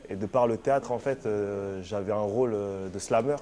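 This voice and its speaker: A man's voice: lowish voice, moderate pace, warm tone. A man who raps in a group, answering interview questions casually and hesitantly, with many fillers and restarts. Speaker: rapper in a group.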